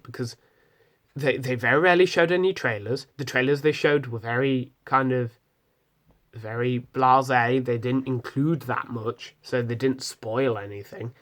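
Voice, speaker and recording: A man's voice: mid-range voice, a bit bright. A young British man with a British accent, giving a rambling, casual film review full of ums and restarts. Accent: British English. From Britain. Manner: rambling, many ums and self-corrections.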